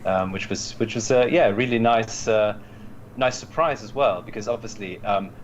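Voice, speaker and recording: A man with a fairly low voice talks as an interview guest, stopping and restarting his sentences often. A faint hiss of noise sits behind him. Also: lo-fi sound. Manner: halting, many restarts and fillers. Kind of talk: casual interview.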